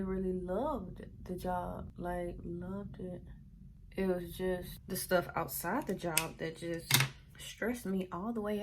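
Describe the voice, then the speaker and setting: Young adult woman vlogger, casual and candid, medium pitch, light background noise. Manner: candid, rambling, talks to viewers while doing makeup. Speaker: vlogger and former teacher. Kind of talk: casual chat vlog.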